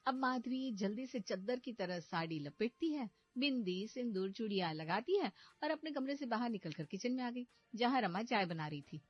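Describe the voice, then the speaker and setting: A woman narrating a cartoon story in a calm, even storybook manner. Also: on the high side, normal speed, hardly any pauses. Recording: slightly dull audio with background music.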